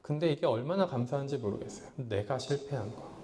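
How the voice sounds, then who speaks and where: A man preaching a sermon as pastor, swinging between loud pleading lines and low hushed ones, acting out his own past thoughts in quotes. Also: lively intonation, brisk, slight background noise. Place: small church hall.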